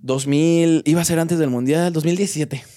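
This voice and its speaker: Young mexican dude rambling on a podcast, slangy, lots of restarts. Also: male voice, fairly high pitch, fairly even intonation, normal speed, dark tone. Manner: slangy, storytelling with many restarts and fillers. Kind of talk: casual chat.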